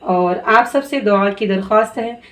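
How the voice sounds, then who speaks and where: A woman teaching Quran reading, spelling out letters slowly and patiently before blending them into words. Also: medium pitch, a bit bright. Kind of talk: slow spelled-out recitation lesson.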